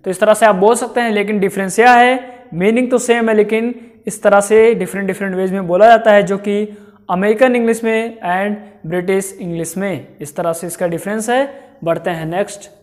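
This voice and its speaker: A man giving a spoken-English lesson who repeats himself and slowly draws out each example phrase. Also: sits high, fairly even intonation. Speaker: English teacher.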